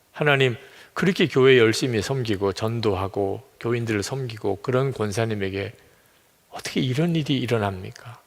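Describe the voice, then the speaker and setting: Gravel-voiced pastor in a reverberant church. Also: male voice, mid-range voice. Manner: retells a story, switching voices for quoted speakers. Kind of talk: sermon, storytelling. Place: church sanctuary. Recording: long reverb of a church hall.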